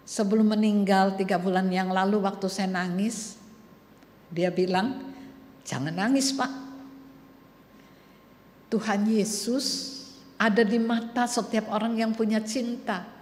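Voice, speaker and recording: A woman voicing a frail, lonely old grandfather who speaks softly and wearily. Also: medium pitch, steady tone, measured pace, pauses often, close to an everyday voice. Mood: tender. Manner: soft, plaintive and weary. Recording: echoey church hall.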